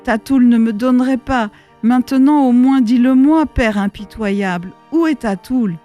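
Casting: a woman doing a tearful young village daughter, anguished and defiant, slow and mellow, storybook reading. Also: on the high side, soft background music, pitched above the performer's own voice, natural voice. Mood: anguished pleading. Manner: pleading, raised and anguished. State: crying.

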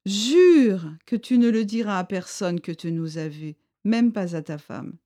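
A woman's voice: mid-range voice, lively intonation, unhurried, dark tone, lightly acted. A woman voicing an armed rebel leader, a man who is stern yet friendly and speaks firmly in a raised voice. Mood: commanding. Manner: firm, commanding, raised voice.

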